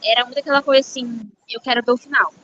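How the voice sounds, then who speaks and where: Brief: high, bright-toned woman, fast and lively, faint background noise. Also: muffled recording. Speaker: book club member. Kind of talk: casual group chat.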